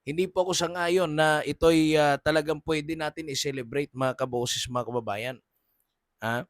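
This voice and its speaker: A man's voice: a little high, steady tone, moderate pace, no room sound, studio quality. A man hosting a political commentary monologue, earnest and polite, who keeps addressing his listeners directly.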